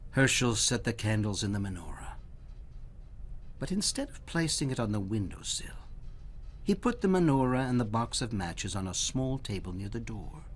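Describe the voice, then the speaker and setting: A man's voice: lowish voice, slight background noise. A man reading a story aloud, acting it out dramatically, often dropping to a whisper and stopping to talk to his listeners. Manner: talks to the listeners between passages.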